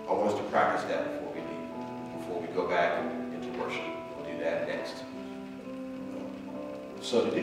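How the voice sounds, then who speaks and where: Low-voiced male preacher in a booming, echoey church. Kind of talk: sermon. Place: church stage, indoors. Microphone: headset. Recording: very echoey hall, distant, loud music. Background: instrumental music.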